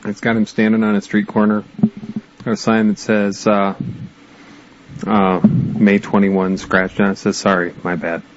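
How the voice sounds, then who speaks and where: A man's voice: lowish voice, level tone, measured pace. A man co-hosting a podcast casually, with dry wisecracks. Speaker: podcast co-host. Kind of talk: casual chat. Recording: dull lo-fi sound with faint noise.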